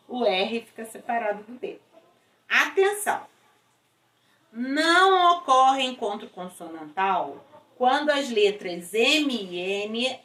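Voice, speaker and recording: Slow, patient woman teacher, echoey room. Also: on the high side, a bit bright, recorded from a distance. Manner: slow, patient, spelling out letters and syllables. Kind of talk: recorded school lesson. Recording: echoey room, voice away from mic.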